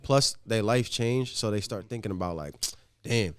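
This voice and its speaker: A man's voice: fairly low pitch, moderate pace, clear, resonant tone, no room sound. Casual slangy man, dry close sound. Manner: informal, swearing freely.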